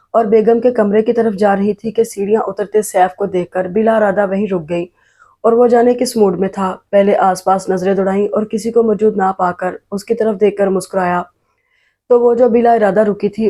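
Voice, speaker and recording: A woman narrating a romantic novel in steady, measured storytelling. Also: medium pitch. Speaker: audiobook narrator. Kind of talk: novel reading.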